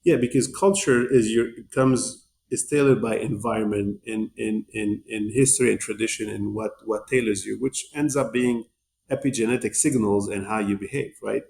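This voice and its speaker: Speaking at a normal speed, this man has a lowish, darkish, steady voice with vocal fry. As a guest on a podcast, the nutrition company executive rambles through explanations, restarting phrases and repeating words, while a little noise sits in the background.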